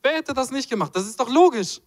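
Man, preacher, high voice, very animated, playful sermon. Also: fast. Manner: animated, playful asides to the congregation. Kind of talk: lively sermon with Bible reading.

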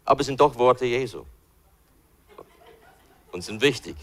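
A man's voice: mid-range voice, lively intonation, a little slow. Man giving a chatty Bible study. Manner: conversational, thinks aloud while searching verses. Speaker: Bible teacher. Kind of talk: informal Bible study talk.

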